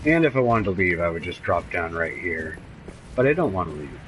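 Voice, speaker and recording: A man talks through a video game playthrough in a fairly low voice and reacts out loud to what happens. Clear game sounds play under his commentary. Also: very animated, a little fast, slight background noise. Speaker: gameplay commentator.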